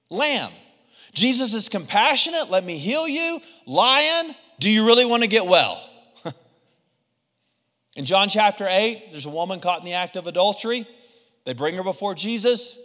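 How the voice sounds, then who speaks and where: Man, pastor, animated sermon, ringing bright voice, big reverberant hall. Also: high-pitched, a little slow, long pauses. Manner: animated preaching, swinging from loud punches to quiet asides.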